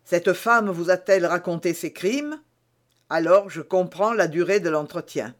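A man's voice: sits high, unhurried. A man reading aloud, voicing a stern, suspicious baron who probes with his questions. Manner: suspicious, probing. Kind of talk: audiobook character reading.

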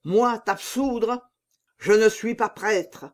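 A man's voice: high voice, drawn-out words, pitched above the performer's own voice. A man reading aloud, voicing a vengeful young man disguised as a monk, cold and unforgiving. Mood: merciless.

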